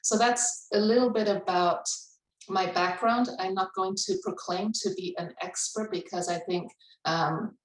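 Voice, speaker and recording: In a webinar conversation, a cultural humility trainer who grew up in Indonesia talks reflectively and laughs easily. She has a mid-range voice and a slightly slow pace, and the distant mic gives the sound a roomy quality.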